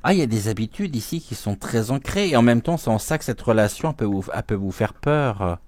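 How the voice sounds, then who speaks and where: A man doing a live spiritual card reading, slow and halting with many pauses, sometimes talking aloud to an unseen guide as he draws cards. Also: mid-range voice, lively intonation, darkish tone, dry recording. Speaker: tarot and oracle card reader.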